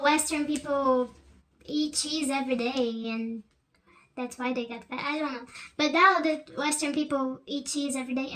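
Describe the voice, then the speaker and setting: A young Brazilian woman, a vlogger whose first language is Portuguese, chats casually to camera in a Brazilian Portuguese accent while eating in her childhood bedroom at her parents' home. Her voice is high and fairly bright, and she rambles on. The recording quality is low.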